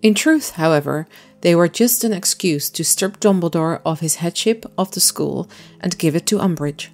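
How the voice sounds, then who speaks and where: A woman's voice: lowish voice, normal speed, darkish tone, faint music behind. A woman hosting a crafting vlog, explaining her miniature build step by step in a friendly, chatty voice-over. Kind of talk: casual voice-over narration.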